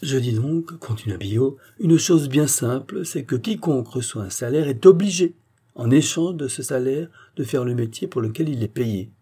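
A man voicing a calm, stubborn village philosopher who argues point by point in an audiobook reading. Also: medium pitch, moderate pace, husky, voice pushed up. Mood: reasoning. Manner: calm, almost gentle, arguing point by point.

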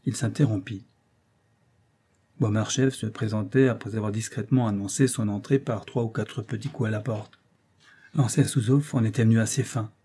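A man narrating an audiobook in a measured storytelling reading. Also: on the low side, fairly even intonation, mellow, husky. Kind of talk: scripted narration.

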